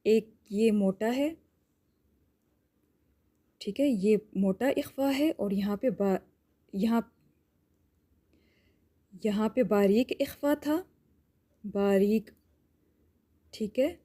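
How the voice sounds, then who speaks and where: A woman teaching Quran recitation rules. She explains each rule patiently and step by step, often checks in with "theek hai?", and stretches out words slowly to demonstrate. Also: medium pitch, mellow. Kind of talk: tajweed lesson with slow drawn-out demonstrations.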